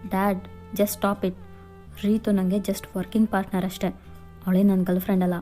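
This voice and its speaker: A woman's voice: mid-range voice, level tone, moderate pace, dark tone, soft background music, natural voice. A woman voicing an anxious young man who urgently worries about his missing girlfriend in a fan fiction voiceover. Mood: worried.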